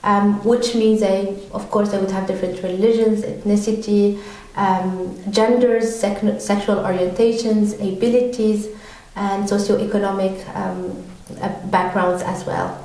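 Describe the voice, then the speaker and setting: A woman's voice: medium pitch, steady tone, measured pace, dark tone. A woman from Tunisia, a podcast guest, answering in a hesitant conversational way with many ums and restarts. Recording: very echoey room, mic far off.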